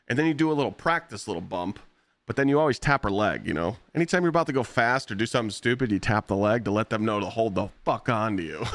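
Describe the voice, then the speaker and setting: A man streaming live, telling blunt, profane stories in a casual, animated way. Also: medium pitch, no room sound. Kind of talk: casual storytelling while gaming.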